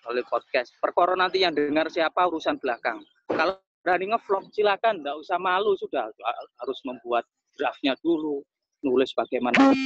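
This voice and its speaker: A man's voice: a little high, dry recording. A man lecturing over a webinar in a casual, chatty way, repeating his phrases as he explains. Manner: conversational, repeats phrases, chatty with local asides. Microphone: video call. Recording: slightly dull, dry online audio.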